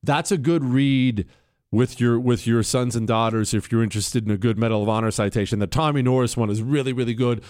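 A man's voice: medium pitch, fairly quick, a little mellow, dry recording, studio quality. Male talk radio host, middle-aged, casual and wry, mid-range voice, monologue and read-aloud segments. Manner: casual, wry asides, breaking off from reading to comment.

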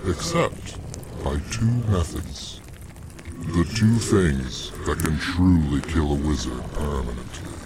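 Menacing, pompous wizard tyrant for audio comedy, male actor, low register, cold and deliberate, clear noise behind. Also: expressive, exaggerated voice. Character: cold, calculating male Dark Lord wizard, menacing villain. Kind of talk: fantasy audio comedy acting. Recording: clear background noise under the voice.

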